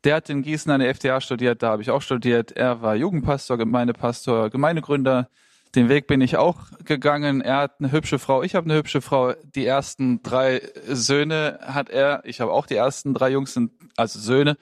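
A man in his late thirties with a mid-pitched voice speaks in an upbeat, admiring way. The sound is dry and close. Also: fairly even intonation, normal speed, no echo. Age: 30s. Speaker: pastor, panel guest.

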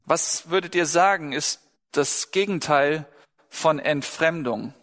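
In a large hall with long reverb, a man delivers a sermon to the gathering in a voice that's on the high side, slow, and a bit bright. His style is conversational and questioning, with brief acted-out dialogues.

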